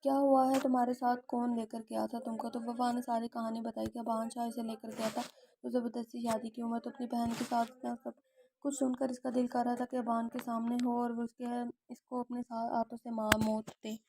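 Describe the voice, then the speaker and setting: A woman's voice: fairly high pitch, completely flat delivery, brisk, vocal fry, a crowd in the background. A woman narrating an audio novel, reading every character in her own voice.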